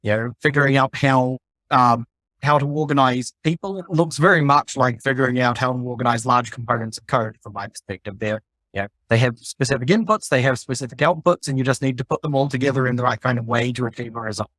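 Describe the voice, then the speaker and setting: A man's voice: mid-range voice, fast talker, a bit bright, no echo. A middle-aged man from New Zealand, a podcast guest explaining his background step by step in casual conversation. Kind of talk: casual chat.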